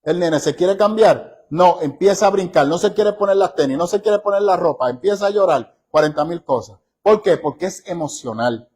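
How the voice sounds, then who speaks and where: Bible study teacher, male, slightly high voice, conversational but emphatic, drags out key phrases. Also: darkish tone. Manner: emphatic, asks rhetorical questions of listeners; slows down to stress key phrases.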